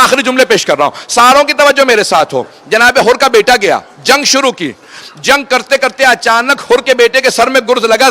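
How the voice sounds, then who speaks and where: A man's voice: very high-pitched, bright, forceful tone, a little hiss or hum. A man, a cleric reciting a mourning sermon to a gathering, urging his listeners to weep and drawing out his phrases in grief. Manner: urges the audience to weep, stretches phrases in grief-laden recitation.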